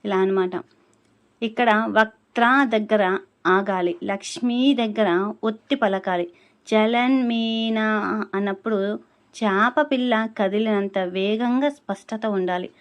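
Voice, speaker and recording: A woman teaching how to pronounce a devotional chant, explaining patiently and drawing out each syllable slowly when she demonstrates it. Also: medium pitch, fairly even intonation. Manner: slow, carefully drawn-out syllables when demonstrating. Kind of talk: spoken lesson on pronouncing a chant.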